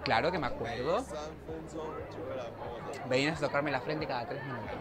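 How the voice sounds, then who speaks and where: A man's voice: mid-range voice, normal speed. A man with an Argentine accent reacts to a TV episode and reads its subtitles aloud, with gushing exclamations and giggles. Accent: Rioplatense Argentine Spanish. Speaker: reaction video host. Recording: show audio with crowd noise underneath.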